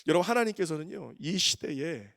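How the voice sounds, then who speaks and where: A man in his thirties preaching, telling a personal story with animated, emotional delivery and acted quotes. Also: a little high, a little fast, gravelly, no echo, clean studio sound. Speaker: pastor. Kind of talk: storytelling sermon.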